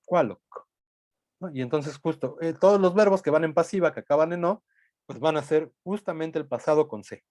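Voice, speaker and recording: A man gives a recorded lecture in a fairly high voice. The sound is dry and close, with no room around it. He explains patiently, thinking aloud and tagging his points with quick questions. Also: a little mellow, no room sound.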